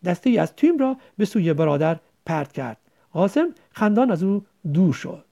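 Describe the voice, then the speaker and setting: A woman narrates a novel aloud in an expressive storytelling manner. Her tone is dark and mellow with a gravelly edge. Her pitch rises and falls widely. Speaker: audiobook narrator. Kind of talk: scripted narration.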